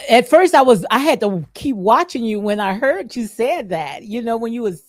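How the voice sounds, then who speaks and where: A woman's voice: fairly high pitch, lively intonation, moderate pace, dry recording, studio quality. A woman panelist in a casual chat, easygoing and a bit hesitant.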